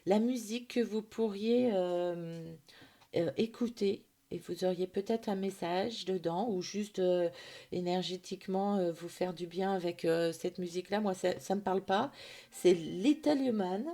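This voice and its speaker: A woman gives a gentle, hesitant intuitive oracle card reading for her viewers, with many fillers and affectionate words. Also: fairly low pitch, steady tone, a little slow. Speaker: intuitive card reader and hypnotherapist.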